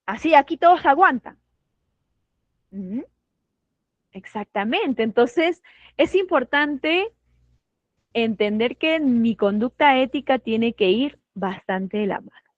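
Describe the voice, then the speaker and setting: Peruvian woman as nursing instructor, high voice, lively questions to the class, muffled dry sound. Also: no room sound. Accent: Peruvian Spanish. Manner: acts out patients and staff in quick put-on voices; asks the class questions and affirms their comments. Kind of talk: online class lecture.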